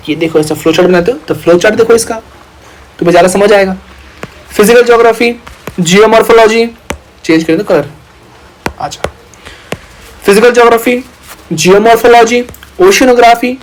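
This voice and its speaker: A man's voice: high-pitched, a little hiss or hum, poor audio. A young man teaching an online exam-prep lecture, talking playfully and teasing his students as their big brother.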